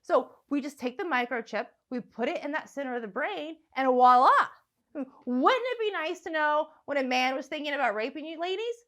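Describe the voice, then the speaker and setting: A woman's voice: high voice, animated, fairly quick, a bit bright. A young woman stand-up comic ranting profanely and sardonically, practicing her set into a phone at home. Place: room at home.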